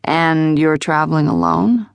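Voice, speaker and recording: A woman's voice: deep voice, unhurried, vocal fry, clean tone, no echo. A woman narrator voicing a cautious, curious man driving in a storm, asking plain questions. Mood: probing. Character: male driver, cautious and curious.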